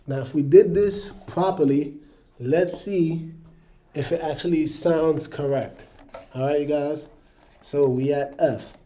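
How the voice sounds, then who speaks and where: Male music teacher, unhurried and laid-back, voice on the higher side, faint music underneath. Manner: relaxed, checks in with "all right, you guys". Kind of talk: casual online music lesson.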